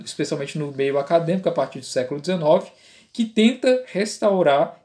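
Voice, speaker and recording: A man's voice: on the high side, warm tone. A man with a Brazilian Portuguese accent teaching an online Latin lesson, explaining step by step and often adding "né?" as a tag question. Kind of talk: online lecture.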